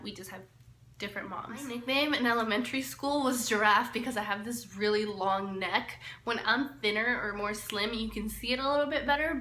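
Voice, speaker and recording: In her get-to-know-me vlog, a lifestyle vlogger in her twenties, born in El Salvador, talks casually to camera, frequently laughing and trailing off. She has a medium-pitched, sharp-toned voice, and the echoey room leaves a faint hiss.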